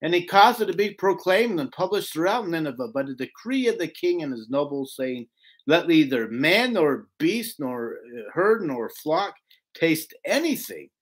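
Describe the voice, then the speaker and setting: Very animated and slightly rough, a man with a fairly high voice leads a casual Bible lesson at a moderate pace. He reads and unpacks scripture rhetorically and with emphasis, repeatedly asking "right?"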